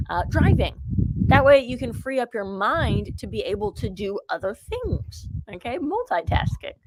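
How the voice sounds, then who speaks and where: Energetic woman coach saying "okay?" a lot. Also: mid-range voice, no room sound. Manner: energetic, repeats "okay?" and urges viewers to comment. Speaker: riding coach. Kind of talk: live-streamed riding lesson talk. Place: outdoors at a ranch. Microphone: phone camera held close.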